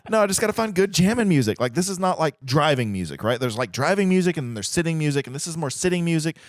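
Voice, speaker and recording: A man's voice: fairly high pitch, big pitch swings, quick pace, few pauses, dry recording. A man co-hosting a comedy podcast, trading laid-back joking banter. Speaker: podcast co-host. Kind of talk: casual comedy podcast chat.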